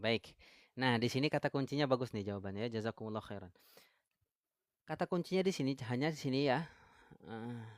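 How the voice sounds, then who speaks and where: Indonesian male tajwid teacher, mid pitch, dry close sound, quizzing live viewers. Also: no echo. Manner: asks viewers questions, reads out comments. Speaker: Quran recitation teacher. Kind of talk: live-stream tajwid lesson.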